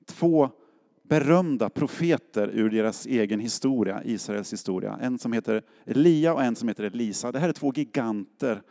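A middle-aged pastor from Sweden gives a sermon with lively intonation in a warm, creaky, mid-range voice. His delivery is casual storytelling with acted-out quotes, heard through long hall reverb.

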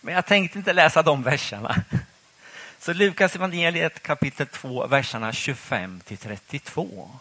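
A man's voice: on the high side, lively intonation, pushed and bright, dry recording. A man preaching a sermon in church, asking the congregation questions in a conversational way.

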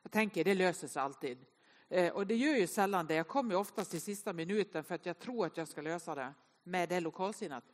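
A woman, telling self-mocking stories in an animated way during a humorous Sunday sermon to a congregation. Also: on the high side. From inland northern Sweden. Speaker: speaker at a Sunday service. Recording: long reverb of a large hall.

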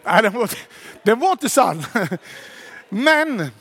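A male preacher with a notably high voice moves from a playful story into his sermon. His delivery is lively, and he drags out words when he wants them to land. Long reverb from a large hall hangs behind everything he says. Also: slightly rough. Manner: lively storytelling, slows down for emphasis.

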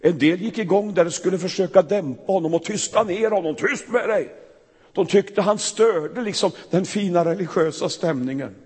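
A man preaching a fervent, emotional sermon in a church, swinging between loud and soft. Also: high voice, few pauses, husky, big-room sound.

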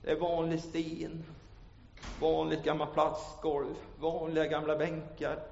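A man preaching a sermon in a church. He shifts from hushed storytelling to loud, ringing calls. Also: a little high, monotone, creaky. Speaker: pastor. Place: church hall. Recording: echoey church hall, dull lo-fi sound.

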